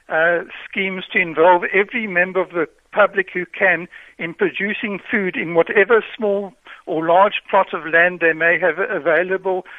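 A man's voice: sits high, dry recording. A man calling in to a radio show over the phone, insistently pressing the same point again and again. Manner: insistent, repeats his point. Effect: heard over the phone. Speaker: caller. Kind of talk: call-in radio comment. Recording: tinny phone line.

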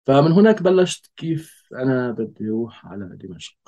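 A man with a Levantine Arabic accent telling a personal story in conversation, in a reflective, halting way with pauses and trailing phrases. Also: mid-range voice, big pitch swings, warm tone, muffled recording. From Golan Heights. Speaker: interview guest.

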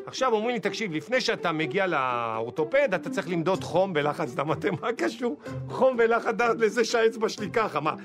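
A man in his forties telling comic personal stories in an animated way, acting out the dialogue. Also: high-pitched, over music. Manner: animated, exclaiming, acts out dialogue. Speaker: storyteller.

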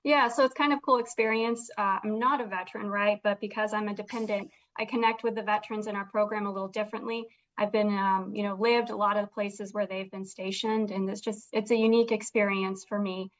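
A woman guest on a radio show who works with veterans and talks in a relaxed, chatty way. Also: mid-range voice, brisk, lo-fi sound. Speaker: guest, veterans program worker. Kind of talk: casual radio interview.

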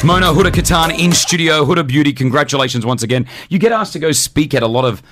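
A middle-aged man hosting a radio show, chatting in a lively interview style in a studio. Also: a little high, fast talker, over music.

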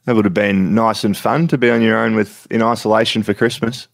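A man's voice: lowish voice, steady tone, fairly quick, vocal fry. An Australian man hosting a podcast interview from home, friendly and chatty, a bit throaty with covid. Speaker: podcast host.

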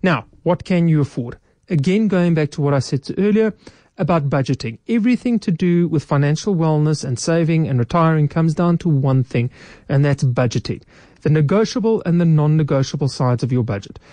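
In a radio studio, a woman with a low-pitched, mellow, soft-edged voice shares practical financial advice one step at a time. The audio is dry and close.

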